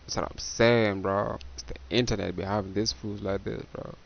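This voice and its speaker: Young man from Botswana, slangy reaction commentator, a bit low, muffled audio. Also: little pitch movement, moderate pace, gravelly. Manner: loose, slangy, repeats "bro".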